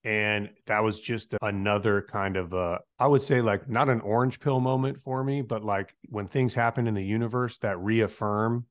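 A middle-aged man, a firefighter, telling stories as a podcast guest in a casual, animated way, acting out quoted dialogue with laid-back slang. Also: on the low side, normal speed, hardly any pauses. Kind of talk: casual interview storytelling.

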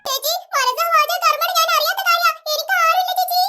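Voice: extremely high pitch, fast talker, background noise. A performer voicing a whiny little sister in a comic family skit. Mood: pleading. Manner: whiny, pleading. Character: sulky little sister, playful troublemaker.

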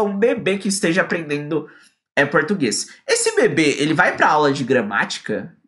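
A young adult male English teacher with a slightly high voice gives an online English lesson in Portuguese. He's lively and energetic, acting out lines as he quotes a student, and he's recorded by a webcam at close range.

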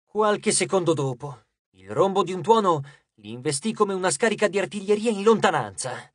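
An audiobook narrator reading a novel in an expressive storytelling manner, recorded in a studio. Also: medium pitch, normal speed, husky, no echo.

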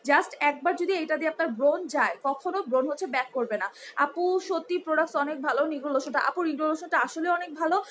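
A woman's voice: high-pitched, fast, a bit bright. A young woman, chatty and rambling as she sells beauty products on a live stream, mixing in English words and many fillers. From Bangladesh. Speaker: online beauty shop seller. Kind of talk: live-stream product selling, reading viewer comments.

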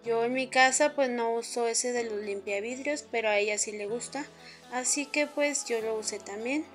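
In a casual cleaning vlog from her home kitchen, a woman chats directly to viewers while sweaty from cleaning. Her voice is a little high and her pace moderate. Soft music plays in the background.

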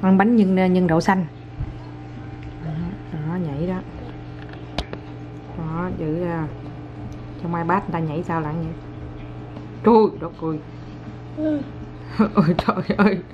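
With long pauses and a measured pace, a woman whose voice sits on the low side talks to her toddler and her viewers at home. She's a mother and vlogger, playful, coaxing, and quick to laugh, and the recording is a dull lo-fi home video with slight noise.

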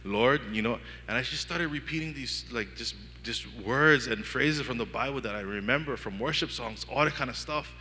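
A man from Hawaii with a Pidgin-tinged accent, preaching a sermon with lively storytelling and acted-out inner dialogue. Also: mid-range voice, moderate pace, hardly any pauses, in a large hall, slight background noise. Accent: Hawaiian Pidgin-tinged English. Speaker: pastor. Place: church hall.

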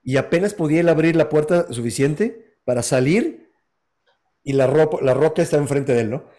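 A man telling a motivational parable as a life coach, in a dramatic, animated way. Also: on the high side, fairly quick. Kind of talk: motivational storytelling.

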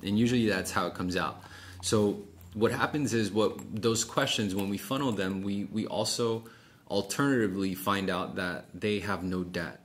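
At normal speed and in a lowish voice, a middle-aged man coaches someone one-on-one, explaining in a casual way and modeling sales conversations while checking in often. The recording comes from a small indoor office meeting room and has clearly noisy room sound.

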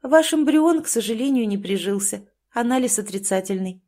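A woman narrator voicing a calm, soothing female doctor in an audiobook. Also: a little high, moderate pace. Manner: gentle, reassuring. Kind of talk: audiobook reading.

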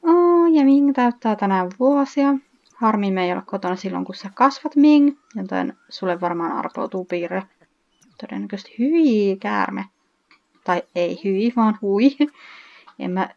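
A woman giving casual let's-play commentary, chatting to viewers, reading game text aloud and letting out excited shrieks. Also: medium pitch, creaky, muffled recording. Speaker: gaming YouTuber.

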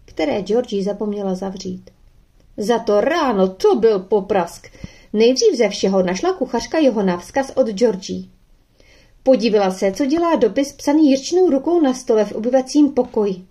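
A woman calmly narrating a children's adventure audiobook. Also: fairly high pitch. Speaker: audiobook reader. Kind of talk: storybook narration.

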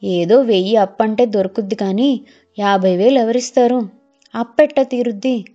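A woman narrating an audiobook story in a steady storytelling manner. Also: fairly high pitch, normal speed. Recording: muffled lo-fi, faint music.

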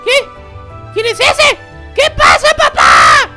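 A performer voicing Bebe Timo, an excitable, dramatic baby boy with squeaky, shrieking outbursts, in a Minecraft role-play. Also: moderate pace, music in the background. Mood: excited. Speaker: host.

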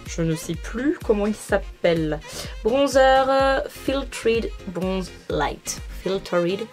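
A woman's voice: mid-range voice, a little mellow. A young adult woman talking casually through a makeup tutorial as a beauty vlogger, with frequent fillers. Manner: chatty, many fillers.

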